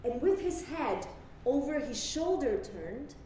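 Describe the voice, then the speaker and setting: High-voiced woman coaching drama in an echoey room. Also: lively intonation, takes it slowly, warm tone. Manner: instructive, models lines for repetition. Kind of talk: line-by-line coaching of a classical monologue. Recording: echoey room, distant mic, faint noise.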